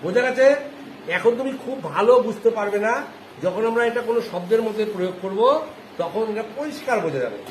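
High-voiced male teacher in an echoey classroom. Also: expressive. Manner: asks the class questions often and repeats answers slowly. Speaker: primary school teacher. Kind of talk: classroom phonics lesson. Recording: echoey classroom with background noise.

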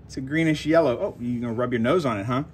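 At home in a carpeted room, a father reads to his young daughter and chats with her casually, playfully prompting her with simple questions. His mid-range voice is slightly rough and quick-paced.

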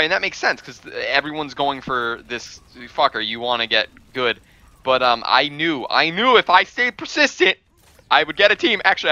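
A man doing excitable gameplay commentary, swearing freely and breaking into squealing laughs. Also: a little high, dry recording, dull audio. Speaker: gaming video creator.

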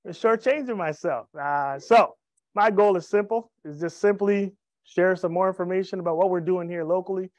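A man in his thirties gives a cheerful, joking sales talk to a live audience on an event-room stage, holding a handheld microphone and recounting personal stories. His voice sits high, and the audio is dull with no room sound.

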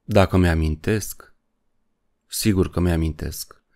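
A man's voice: deep voice, steady tone, vocal fry, darkish tone. A man voicing a frail old male war veteran, weary and wistful, with a trembling, tired voice.

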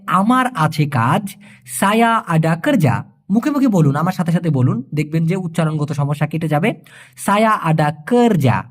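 Lively high-voiced man teaching words. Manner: explains each word slowly, repeats phrases and asks if it is clear; jokes with the viewer. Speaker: language teacher. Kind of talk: casual video lesson.

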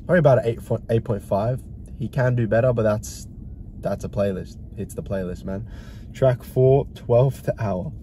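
A young man with a nasal, congested voice from hay fever, casually reviewing an album track by track in a relaxed, rambling way with many fillers. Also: mid-range voice, moderate pace, a little hiss or hum. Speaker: music reaction reviewer. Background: hip hop music playing.

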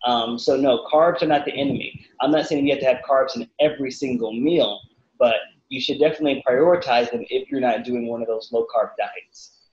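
Male, 30s, casual animated interview guest, home video call, roomy and slightly muffled. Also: mid-range voice, brisk, slight background noise. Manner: animated, acts out quotes with voices. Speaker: guest, fitness cook. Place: living room at home.

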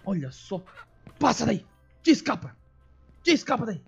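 Gaucho guy doing let's-play commentary, kinda high voice that jumps all over, gets hyped fast, faint music behind. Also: creaky, husky. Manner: excitable, calls to viewers, coaxes animals aloud. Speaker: gaming streamer.

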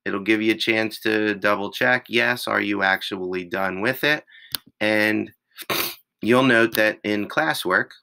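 A male teacher with a raspy voice, patiently walking students through an online classroom step by step. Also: on the low side, pushed and bright, poor audio. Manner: slow, patient step-by-step explaining. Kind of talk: screen-recorded class tutorial.

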